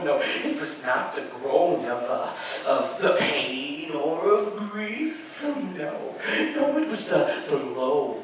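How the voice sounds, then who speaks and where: At a live amusement park show, a stage performer with a fairly high voice plays a deranged, obsessive murderer confessing with chuckling glee in a theatrical gothic horror reading, halting and repeating himself as he swings from hushed to shouted. The echoey venue is picked up by a distant mic with faint noise.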